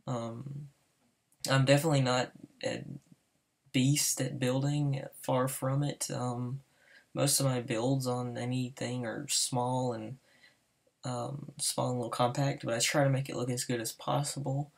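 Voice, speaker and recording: In casual voice-over commentary for a server application, a teenage boy of fifteen with a Southern US accent speaks nervously over his gameplay, full of hesitations. His male voice is mid-range and creaky, with little pitch movement and a measured pace.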